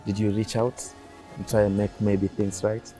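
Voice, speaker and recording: Male presenter, lowish voice, formal news intro, music behind. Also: level tone, dark tone, poor audio. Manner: measured, formal intro, brief backchannels. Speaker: interviewer and presenter.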